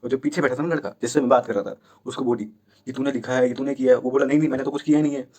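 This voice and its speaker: Racing along in a mid-range voice, a young man recounts a story from his school days in a relaxed, lively way. He chats animatedly and acts out the voices of the characters.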